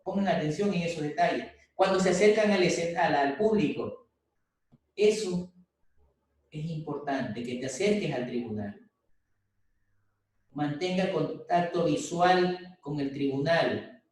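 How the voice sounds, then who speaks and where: A male university lecturer with an Ecuadorian Spanish accent gives casual, practical advice to his class, slipping into mock everyday examples. His voice sits a bit high. The video-call audio is very roomy and echoey, picked up from some distance. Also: lively intonation, measured pace, long pauses, darkish tone.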